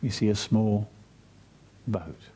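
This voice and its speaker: With a fairly low pitch, a man talks listeners through a meditation. His voice is gentle and breathy, his manner soothing and measured, and he leaves long silences between phrases.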